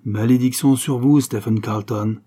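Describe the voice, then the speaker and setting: A man's voice: medium pitch, fairly even intonation, mellow, husky. A man voicing a bitter, vengeful ex-convict. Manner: hard, cursing, slow and grim. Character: bitter aging man fresh from prison, vengeful.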